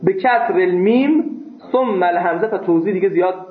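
Man, seminary teacher, high voice, reads and explains phrase by phrase, echoey room, phone-like sound. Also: crowd noise. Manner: reads phrases aloud then explains them plainly, with jokes. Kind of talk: classroom text lesson, reading and translating.

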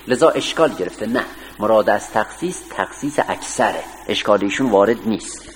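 A man teaches a seminary class, reading through a text phrase by phrase and throwing questions back at his students. His voice sits at a middle pitch and carries a long reverb, as if recorded across a large hall. A faint hiss runs underneath. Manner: explains line by line, quizzes students with questions.

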